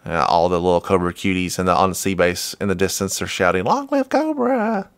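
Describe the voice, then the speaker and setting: A man co-hosting a casual comic-book podcast, relaxed and laughing often as he reads panel dialogue aloud. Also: low-pitched, fast talker, smooth, no room sound, studio quality. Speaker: podcast co-host.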